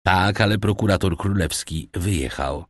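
A man voicing a courteous, self-assured young royal prosecutor in an audiobook, polite and measured. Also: low voice, dry recording, studio quality.

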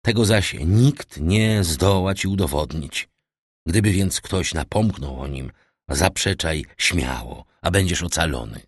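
A man's voice: deep voice, lively intonation, measured pace, husky, dry recording, studio quality, exaggerated voice. A man voicing a tense, commanding crown prosecutor in an audiobook, stern and secretive. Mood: persuasive. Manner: stern, secretive, barking orders then pleading.

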